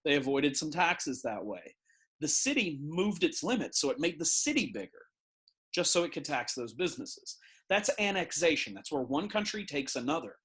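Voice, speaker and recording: A middle-aged man from the United States gives a recorded history lesson with a slightly raised pitch. He talks in a relaxed, conversational way and uses everyday analogies to explain things. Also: moderate pace. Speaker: teacher.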